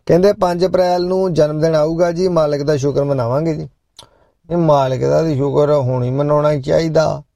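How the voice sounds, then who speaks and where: A middle-aged male host with a deeply gravelly, heavily fried voice, his tone dark and mellow, heard dry and close. He talks loudly and at length to his listeners, joking one moment and preaching the next. It comes across as a casual live chat between songs. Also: steady tone, moderate pace, no echo. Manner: loud, preachy, jokey, talks directly to listeners. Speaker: show host.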